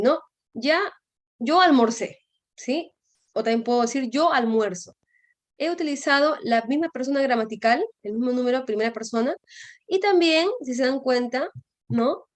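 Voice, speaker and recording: A woman's voice: on the high side, dry recording. A woman teaching a grammar class, explaining patiently and checking often with her students. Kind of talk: online class lecture.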